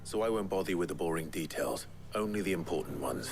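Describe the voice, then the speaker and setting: An actor playing a grave, commanding warrior leader in a fantasy video game. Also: male voice, low-pitched, lively intonation, quick pace. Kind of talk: dramatic video game acting. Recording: game music playing behind the voice.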